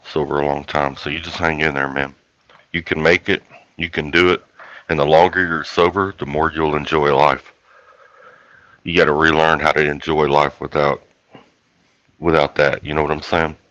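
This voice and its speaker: Real deep south texas guy, folksy rambling chat, bright edge to his voice, bit dull lo-fi mic. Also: level tone, moderate pace, long pauses, no room sound. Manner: folksy, rambling, colloquial drawl. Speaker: YouTube host. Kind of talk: casual livestream chat.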